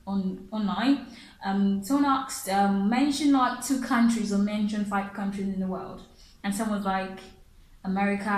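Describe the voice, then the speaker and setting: Answering viewers' questions in a relaxed chat, this African pronunciation teacher, not a native English speaker, laughs a lot and says her phrases more than once. Her voice is medium-pitched, and the low-quality recording has an echoey room.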